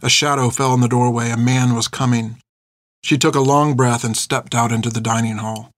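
A man narrating an audiobook in a steady, measured storytelling voice. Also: mid-range voice, no room sound.

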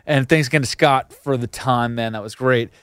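A man's voice: mid-range voice, moderate pace, a bit bright, clean tone, dry recording. Man, podcast host, casual sports talk, colloquial, repetitive emphasis, close dry sound.

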